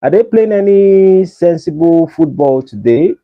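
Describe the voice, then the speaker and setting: Over dull lo-fi livestream audio, a Nigerian-accented man from Nigeria runs a casual live chat and pleads with viewers to hit like. His fairly high voice has lively intonation and a slightly slow pace.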